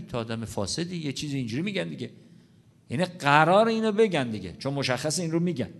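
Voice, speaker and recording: A man's voice: medium pitch, creaky. A man preaching a sermon to an audience, earnest and explanatory, addressing the listeners directly.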